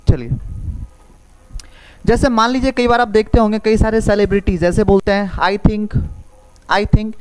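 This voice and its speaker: A man from India teaches an English lesson in a high, clear voice. He repeats each phrase slowly, stretching it out for learners. He keeps asking his listeners to say it back. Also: a little mellow, low-quality recording.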